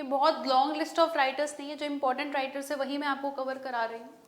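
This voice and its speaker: A young Indian woman teaching an exam-prep lecture in Hindi and English. She dictates English terms slowly, races through Hindi asides and keeps saying "okay.". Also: high-pitched, a bit bright, reverberant.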